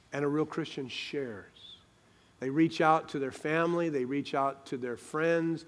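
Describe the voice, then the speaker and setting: A man preaching a sermon, emphatic and rhetorical, asking questions and reading scripture aloud. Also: fairly high pitch.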